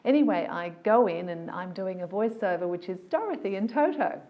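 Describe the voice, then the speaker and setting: A woman, a voiceover artist telling stories about her career in a casual, animated, enthusiastic interview. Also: medium pitch, a little fast, dull audio.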